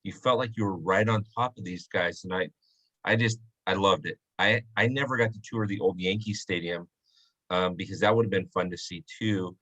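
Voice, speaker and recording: A man's voice: sits low, normal speed, sharp tone, poor audio. A man hosting a casual interview, telling a long story and acting out quoted lines. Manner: chatty storyteller, acts out quotes. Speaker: host. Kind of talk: casual video chat interview.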